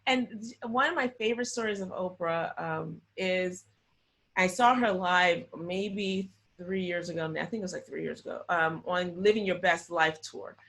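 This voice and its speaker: Animated woman telling stories as a guest. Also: lowish voice, normal speed. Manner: animated storyteller, often adds "right?". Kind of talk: casual interview conversation.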